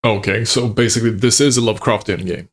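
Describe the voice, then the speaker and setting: A gaming streamer casually commentates on a horror game, chatting enthusiastically with viewers and chuckling. His voice is lowish with fairly even intonation and a quick pace.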